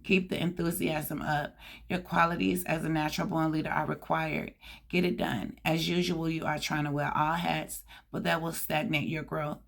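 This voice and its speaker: A woman with a hoarse, scratchy voice giving a tarot card reading, reading out card meanings and chatting casually to her viewers. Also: deep voice, level tone, normal speed. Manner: reads card meanings aloud with chatty asides. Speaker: tarot reader.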